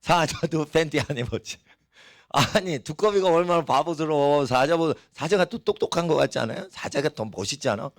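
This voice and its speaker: A man's voice: on the high side, lively intonation, a little fast, no room sound, studio quality. Folksy middle-aged male pastor preaching. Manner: folksy, acts out voices of people and animals in his stories. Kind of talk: sermon. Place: church.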